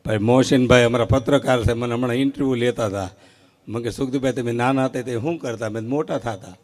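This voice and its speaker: A man's voice: mid-range voice, quick pace. Man telling jokes on stage. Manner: animated joke-telling, acting out short quoted exchanges. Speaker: stand-up comedian at a folk stage show. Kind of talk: live comic storytelling on stage. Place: live outdoor stage event before an audience.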